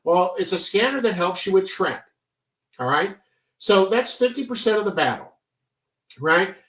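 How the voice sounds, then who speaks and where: A man's voice: high voice, animated, normal speed, fairly bright tone, roomy sound, far from the mic. A congested man giving a casual, chatty trading tutorial, full of fillers and stop-start phrasing. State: stuffy, congested. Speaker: trading educator. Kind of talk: casual screen-share tutorial.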